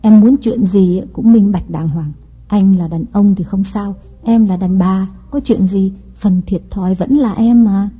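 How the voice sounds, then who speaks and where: A woman voicing a calculating young wife in an audiobook, speaking in a coaxing, deliberate way. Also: medium pitch, husky, close to an everyday voice. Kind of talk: audiobook reading. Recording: dull lo-fi audio with faint music.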